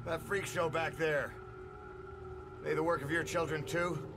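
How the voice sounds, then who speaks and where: An actor playing a terse, suspicious soldier in a gravelly, hushed snake-like rasp, from a video game. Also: male voice, a little high, little pitch movement, a little slow, music in the background. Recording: noisy vehicle roar behind. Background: loud helicopter noise.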